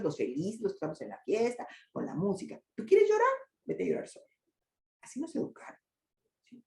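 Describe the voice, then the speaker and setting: An older woman lectures on migration and grief, presenting to an audience with slides and posing rhetorical questions along the way. Her voice is medium-pitched and mellow, and the sound is reverberant.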